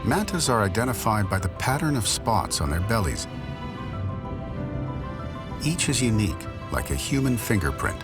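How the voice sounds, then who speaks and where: A man's voice: lowish voice, sing-song, moderate pace, pauses often, over loud music. A man reading scripted narration as the narrator of a nature documentary.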